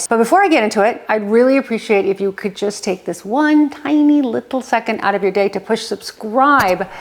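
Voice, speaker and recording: A woman hosting her home decor channel as an interior designer, talking in an enthusiastic, chatty and emphatic way. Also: mid-range voice.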